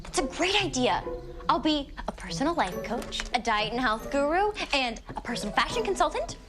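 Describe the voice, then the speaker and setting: A woman's voice: high-pitched, sing-song, a little fast. A young woman playing a spoiled, dramatic, fashion-loving teenage girl in a television family comedy, breezy and wheedling. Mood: earnest, defensive. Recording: music clearly behind.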